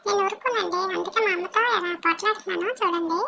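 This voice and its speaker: A woman's voice: very high-pitched, fast talker, gravelly, heavy background noise, pitched above the performer's own voice. A woman voicing a chatty childlike pet dog. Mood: chatty complaining. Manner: childlike, complaining to viewers. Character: cheeky young male pet dog, chatty.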